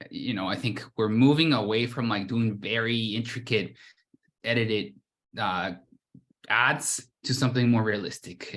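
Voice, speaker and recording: Low-voiced man, casual presenter. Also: fairly bright tone. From Guatemala. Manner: casual, with many restarts and filler words. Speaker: brand founder presenting. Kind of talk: conference presentation. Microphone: video call.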